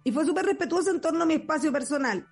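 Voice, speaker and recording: A young adult woman with a Chilean accent, co-hosting a casual podcast chat and telling animated, slang-filled stories. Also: high-pitched, very fast, gravelly, soft background music. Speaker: podcast co-host.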